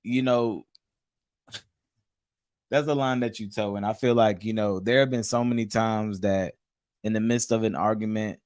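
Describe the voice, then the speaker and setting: A man co-hosting a casual relationship chat, animated, repeating himself and swearing casually. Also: lowish voice, normal speed, pauses often, no echo. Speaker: podcast co-host.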